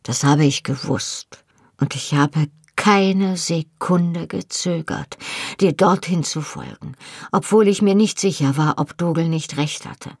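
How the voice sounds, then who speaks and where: A fierce young Highland husband, proud and stung, speaks low and rough with passion, as a woman narrator reads him. The voice sits deep and husky, set close and dry with no room sound. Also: a little slow, darkish tone, dry recording, exaggerated voice. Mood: raw, pained.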